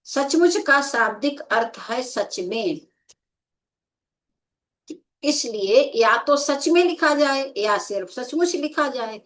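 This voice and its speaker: A woman's voice: sits high, lively intonation, slow, pauses often, fairly bright tone. A woman teaching Hindi grammar in an exam coaching lecture, explaining step by step and often checking understanding.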